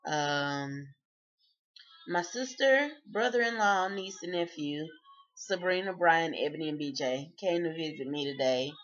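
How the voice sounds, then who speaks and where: A woman's voice: sits low, animated, a little slow, a bit bright. A woman talking casually in a video diary, chatty and sleepy, often breaking into laughs. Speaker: vlogger. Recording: dull lo-fi sound.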